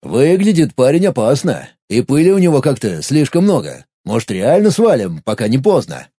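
A man's voice: mid-range voice, huge pitch swings, moderate pace, warm tone, slightly rough. A man voicing a grumpy, sarcastic male octopus god in an audiobook, scolding and mocking.

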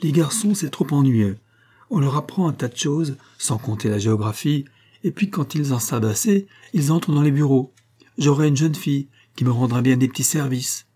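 A man voicing a kind invalid lady who speaks gently but firmly to her young servant, in a read-aloud novel. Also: mid-range voice, animated, normal speed, breathy edge. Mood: gentle, firm. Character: kindly invalid lady, firm yet tender.

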